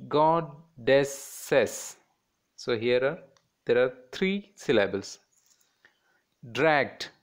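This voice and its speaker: A man teaching a children's lesson, slowly sounding out words one by one to show their syllables. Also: mid-range voice, gravelly. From India. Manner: very slow, stretching out each word to model syllables.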